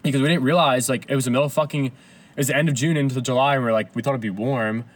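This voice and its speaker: A man telling a long story in casual chat, animated and full of swearing and laughter. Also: medium pitch, very fast.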